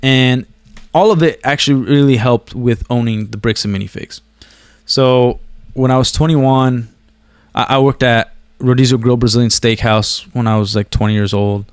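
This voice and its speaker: This is a dry, clean studio recording of a man with a medium-pitched, clean-toned voice, speaking at normal speed with fairly even intonation. He's a vlogger who learned English after another language, having moved to the US from abroad in childhood. His chat to viewers is casual, slangy, rambling and self-mocking.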